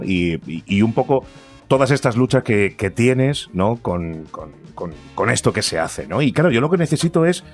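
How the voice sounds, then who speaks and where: A man hosting a podcast, jokey and quick to laugh, stumbling and repeating words when the topic turns serious. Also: on the low side. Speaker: podcast host. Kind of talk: casual chat.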